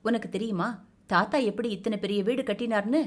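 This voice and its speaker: A woman's voice: mid-range voice, fairly quick, lightly acted. A woman voicing a short, half-mad grown man who talks like a child and babbles eagerly and insistently. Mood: eager babbling.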